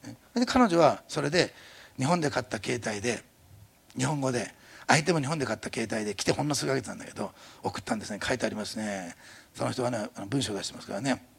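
A middle-aged man preaching a sermon, telling a story in a fast, animated way. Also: mid-range voice, vocal fry, slightly rough. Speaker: pastor.

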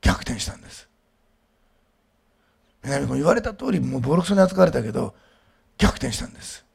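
A male pastor preaching a sermon, moving between quiet storytelling and loud, emphatic declarations. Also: mid-range voice, big pitch swings, fairly quick, gravelly.

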